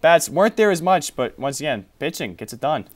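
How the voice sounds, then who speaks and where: A young man hosts a college sports show from a small TV studio, his fairly high voice very animated and fairly quick. He runs through scores and stats, then hands questions off to his analyst.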